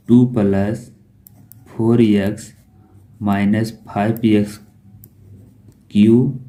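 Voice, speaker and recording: Math teacher guy, slow and mellow, keeps asking then answering himself. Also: fairly low pitch. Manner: asks questions and answers them himself, repeats key terms. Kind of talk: classroom-style lesson explanation.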